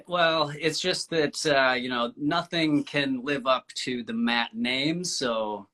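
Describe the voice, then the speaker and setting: Easygoing man with a bright voice. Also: mid-range voice, fairly even intonation, slow. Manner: easygoing, hesitant, with fillers. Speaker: co-host. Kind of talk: casual chat.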